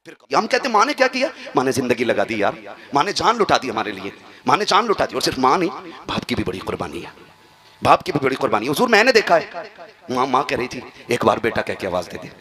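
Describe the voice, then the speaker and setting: A male preacher telling an emotional story in a sermon, dropping to a hushed, tearful voice and then rising to impassioned cries. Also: medium pitch, huge pitch swings, fast talker. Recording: live gathering with audible crowd.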